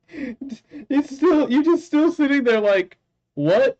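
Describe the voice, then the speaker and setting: Slow, animated reaction host, dull lo-fi sound. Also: high voice. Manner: giggly, exclamatory, musing. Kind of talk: casual reaction commentary.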